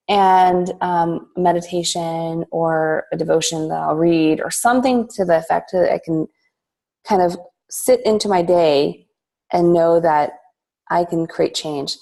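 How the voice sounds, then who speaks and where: Philippines-born woman, thirties, lowish voice, gushing and casual guest. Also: measured pace, gravelly. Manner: enthusiastic, warm, loose with fillers. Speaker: podcast guest, entrepreneur. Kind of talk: casual podcast interview.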